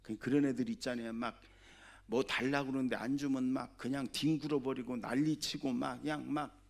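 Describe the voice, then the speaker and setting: Gravelly-voiced male pastor preaching. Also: mid-range voice, steady tone, brisk. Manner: conversational, keeps asking the congregation questions; swings between loud exhortation and soft asides. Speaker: senior pastor. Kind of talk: Sunday sermon.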